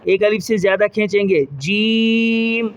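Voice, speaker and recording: A man's voice: high-pitched, fairly even intonation. A man teaching children to read the Quran, drawing out each letter sound and repeating it for them to copy. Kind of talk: children's recitation lesson.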